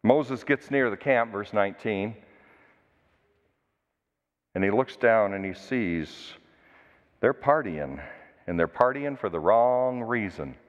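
Conversational pastor preaching in a reverberant church. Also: male voice, fairly low pitch, slow, pauses often. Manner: conversational, animated storytelling. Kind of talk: sermon. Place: church sanctuary. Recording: dull recording with long church reverb.

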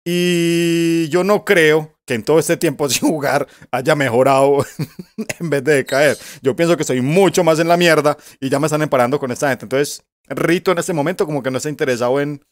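A man's voice: a little high, normal speed, no room sound, studio quality. A man with a Colombian accent giving casual, profane gameplay commentary, talking to himself and to his opponent as he plays. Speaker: gamer.

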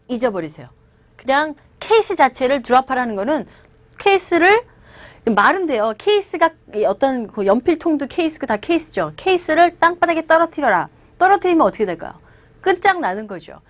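A woman's voice: high-pitched, no room sound. A Korean-speaking woman teaching English phrases from a film, playfully acting out the lines as she explains them. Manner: lively, acts out quotes with playful voices and laughs. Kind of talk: video lecture on English through film.

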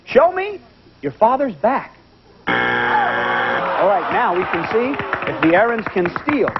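A man hosting a TV game show, lively and joking with the contestants, heard on an old VHS tape recording. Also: high-pitched, takes it slowly, highs cut off, loud music behind the voice. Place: TV studio with audience.

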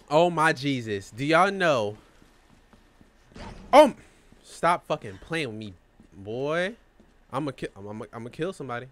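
A young man giving profane, excitable let's-play commentary while talking back to the game's characters. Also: on the high side. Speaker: gamer playing a horror game.

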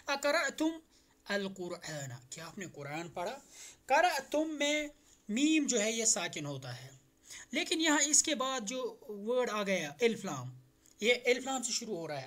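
A man from India teaching Arabic grammar in Hindi-Urdu, saying Arabic phrases slowly and repeating them before translating, often asking the class a question before he answers it. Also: high-pitched, fairly bright tone.

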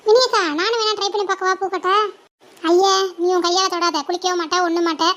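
A woman playing a feisty young girl who squabbles and makes shrill threats in a family web series. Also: steady tone, quick pace, fairly bright tone. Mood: teasing.

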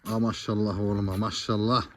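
A man's voice: fairly low pitch, level tone, brisk, slight background noise. A man, a cattle farmer, talking casually to his viewers and fondly coaxing his animals, out of breath. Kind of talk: casual farm vlog to viewers.

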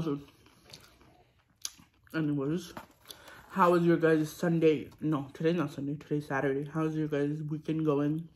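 A young woman vlogger chatting casually between bites of food, rambling with ums and restarts. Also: deep voice. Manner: talks between bites, chewing and sipping. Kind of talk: casual mukbang chat while eating.

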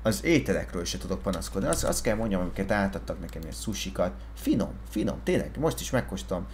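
A man in a game roleplay playing a self-important businessman, rambling on and at times shouting angrily. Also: low voice, sing-song, a little hiss or hum. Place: game voice chat.

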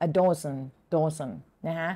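A woman's voice: deep voice, steady tone, extremely slow, warm tone. A woman with a Thai accent teaching English in a live stream, chatting with viewers, thanking them and asking her students questions.

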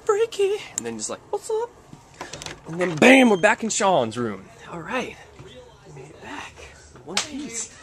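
Over a loud crowd, a young vlogger with a high voice speaks a little slowly, his pitch swinging hugely. He's casually joking and narrating with enthusiasm as he films a basement and a snowy street at night, camera held at arm's length.

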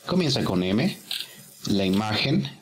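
A man's voice: lowish voice, sing-song, unhurried, slight background noise. A man teaching English, working through a workbook exercise step by step and patiently repeating each answer.

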